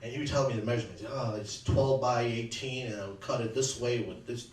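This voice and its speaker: Man giving a halting, earnest eulogy. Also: mid-range voice. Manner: earnest, halting, with frequent restarts. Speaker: eulogy speaker, son-in-law. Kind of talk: personal remembrance speech. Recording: echoey room, distant mic, faint background hum.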